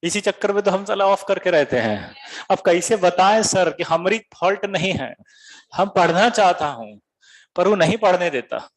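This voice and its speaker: High-voiced teacher telling jokes. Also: male voice, normal speed. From Bihar, India. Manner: animated storytelling, quizzing students. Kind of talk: comic classroom lecture.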